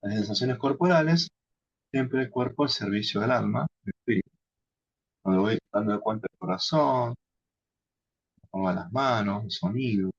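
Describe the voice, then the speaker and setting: A man with a husky, gravelly voice teaches contemplative prayer at an unhurried, halting pace, often ending with a questioning tag. The sound is dull and lo-fi, and the room is dry. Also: lowish voice, dry recording. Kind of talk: instructional talk on contemplative prayer.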